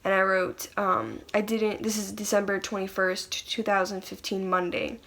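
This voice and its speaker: A woman's voice: medium pitch, normal speed, creaky, a bit bright. Hesitant young woman reading her diary. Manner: hesitant, rambling, self-conscious. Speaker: vlogger reading from their old diary. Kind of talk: casual confessional diary reading with commentary.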